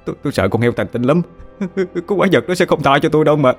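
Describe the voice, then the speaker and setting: A man's voice: fairly high pitch, lively intonation, racing, faint music behind, voice pushed up. A man voicing a cowardly, panicked man who stammers as he begs for his life. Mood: pleading. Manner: stammering, pleading.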